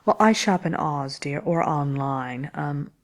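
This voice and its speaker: A woman playing a haughty, grumpy fairy-tale witch in soft-spoken ASMR roleplay, answering questions as a host in a dry, unhurried, condescending manner. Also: deep voice, expressive. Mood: dry, matter-of-fact.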